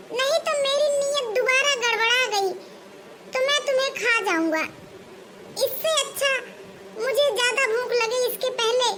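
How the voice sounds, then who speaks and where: A woman's voice: very high voice, pushed and bright, slight background noise, full character voice. Woman doing a growling lion king. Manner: growling, gruff, teasing. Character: big hungry growling male lion king.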